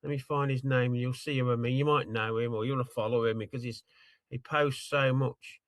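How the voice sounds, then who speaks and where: A man on a casual video call shows off a tool via screen share, talking a little fast in a steady, mid-range voice with no room sound. He rambles and keeps apologizing while searching his screen.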